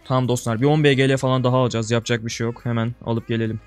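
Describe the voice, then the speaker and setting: A young man talks through his gameplay for viewers in a casual, slangy buddy tone. He swings from loud excited outbursts down to low grumbling mutters. Faint music plays softly under his voice. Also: very fast, smooth. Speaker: gaming video creator.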